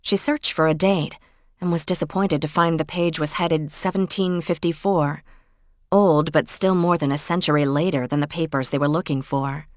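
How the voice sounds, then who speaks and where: A woman audiobook narrator reading a cozy mystery novel in a measured storytelling manner. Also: low voice, steady tone, dry recording, clean studio sound.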